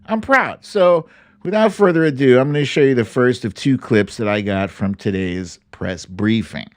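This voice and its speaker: Hosting a political commentary livestream, a man holds forth casually and bluntly, peppering his theatrical, opinionated delivery with salty slang. He speaks at a normal speed with a medium-pitched voice.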